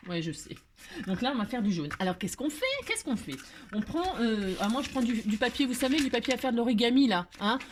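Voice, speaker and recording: A woman's voice: on the high side, lively intonation, brisk, noisy background. A woman hosting a casual craft tutorial, chatty and self-mocking, full of fillers and repeated asides.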